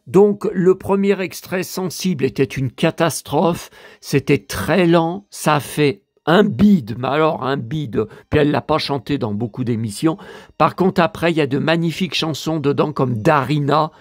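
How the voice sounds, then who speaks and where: A man from the Lyon area talking in a casual vlog, rambling and chatty as he shows his purchases, with bursts of exasperated complaint. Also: on the high side. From Lyon area, France. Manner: rambling, chatty, many fillers and tag questions. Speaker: vlogger.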